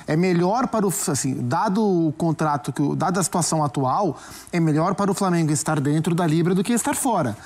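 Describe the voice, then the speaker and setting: A man with a Brazilian accent giving his view as a commentator in a studio sports debate, measured and often restarting phrases as he thinks. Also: on the high side, lively intonation, a little mellow. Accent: Brazilian Portuguese.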